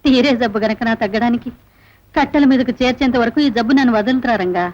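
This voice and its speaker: A woman's voice: fairly high pitch, quick pace, a little mellow, natural voice. An actress playing an ailing elderly mother who speaks weakly and with resignation. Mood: resigned. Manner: weak resigned lament. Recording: dull old film soundtrack.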